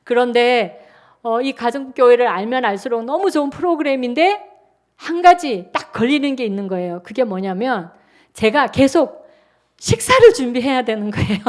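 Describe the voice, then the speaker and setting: High-voiced woman pastor in her sixties. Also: moderate pace. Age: 60s. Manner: animated, chatty storytelling with acted-out quotes. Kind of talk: sermon with personal storytelling. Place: church sanctuary.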